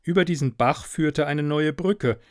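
Calm male fairy-tale reader, dry sound. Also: a little high, a little slow, no room sound. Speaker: narrator.

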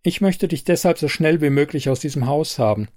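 A man voicing a cool female android bodyguard in an audiobook, speaking calmly and firmly. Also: on the high side, a little fast, no echo, studio quality, voice pushed up. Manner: calm, firm, matter-of-fact.

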